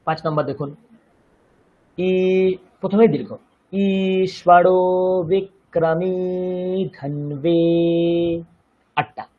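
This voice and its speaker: A man with a Bengali accent teaching a Sanskrit lesson, speaking slowly and deliberately and chanting verses syllable by syllable. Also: sits high, breathy edge, narrow, tinny audio. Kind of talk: online language lesson.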